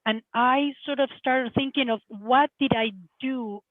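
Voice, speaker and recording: Woman, Peruvian Spanish accent, middle-aged, earnest halting talk, phone-like sound, dry. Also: sits high, fairly even intonation, no room sound. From Peru. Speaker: lighting designer. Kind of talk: panel talk on career journey. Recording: tinny phone-like audio, dry.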